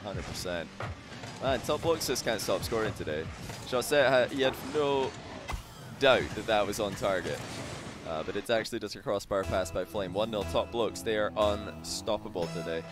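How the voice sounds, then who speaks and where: A man's voice: lowish voice, animated, moderate pace, over music. A man commentating a live esports match in a joking, playful way, laughing often.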